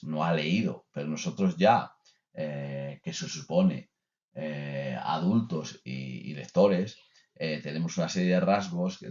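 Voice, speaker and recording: Deep-voiced man lecturing, lo-fi. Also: darkish tone. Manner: conversational, many filler "eh"s and restarts. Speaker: teacher trainer. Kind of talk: recorded course lecture. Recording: dull lo-fi recording.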